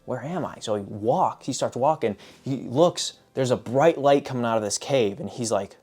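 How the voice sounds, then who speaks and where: A man casually summarizing lessons from books, telling stories in an animated way with repeated filler phrases. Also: mid-range voice, moderate pace, breathy edge, faint music behind. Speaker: book reviewer. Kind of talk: casual book summary vlog.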